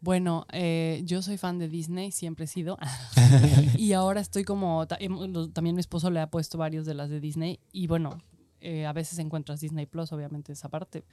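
A woman in her thirties speaks with a fairly low voice. She chats loosely as a podcast guest, full of fillers and quick laughs. The sound is dry and close. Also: fairly even intonation, mellow, no echo. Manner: chatty, laughs often, many fillers. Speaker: guest comedian. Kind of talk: casual podcast chat.

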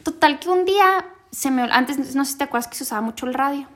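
A woman with a Mexican accent, co-hosting a podcast, telling stories in an expressive, slangy, jokey way. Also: high voice, fast. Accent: Mexican Spanish. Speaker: podcast co-host. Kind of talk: casual storytelling chat.

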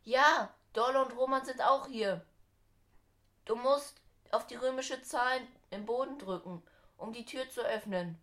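An actress playing a calm, decisive young boy who leads his friends in a children's audio drama. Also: a little high, measured pace. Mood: urgent, steady. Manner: reassuring, decisive.

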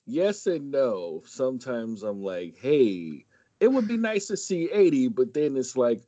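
A San Diego man in his late thirties, a podcast guest, chats casually at a measured pace, swearing freely and jumping high in pitch when he gets animated. The recording is dry and the audio dull.

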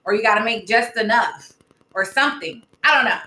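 A woman guest in casual podcast chat, reflective and quick to laugh. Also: a little high, animated, sharp tone. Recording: roomy echo with faint noise.

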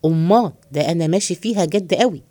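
A woman with an Egyptian accent voicing a scheming, henpecked middle-aged man who plots in hushed tones. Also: fast talker, no room sound, studio quality, lightly acted. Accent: Egyptian Arabic. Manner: low hushed plotting tone.

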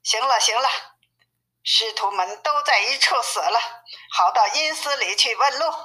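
A woman's voice: on the high side, moderate pace, bright, forceful tone. A woman voicing a lazy, teasing male pig-man disciple from a storybook, mocking and grumbling, with a tinny phone-like sound.

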